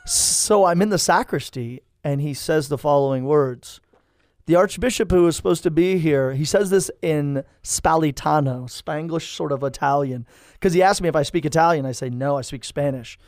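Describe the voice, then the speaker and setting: Animated storytelling priest, dry close sound. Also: male voice, a little high, normal speed, no echo. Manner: animated storyteller, acts out quoted voices. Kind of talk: storytelling in casual chat.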